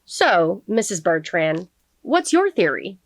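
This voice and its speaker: A woman voicing a sharp, relentless female prosecutor who presses a witness with pointed, needling questions. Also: on the low side, big pitch swings, takes it slowly, no room sound, exaggerated voice. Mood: pressing. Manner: pointed, needling cross-examination.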